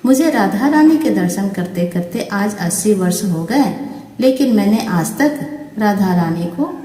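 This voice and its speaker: A woman's voice: medium pitch, animated, unhurried, dark tone, natural voice. Woman voicing a devout eighty-year-old saint. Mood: longing. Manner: earnest, longing devotional musing. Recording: roomy distant mic with long reverb.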